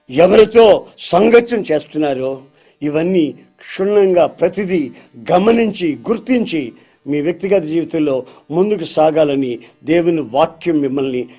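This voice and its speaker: A man's voice: fairly high pitch, dark tone. A man preacher giving a storytelling sermon, addressing his listeners as dear brothers.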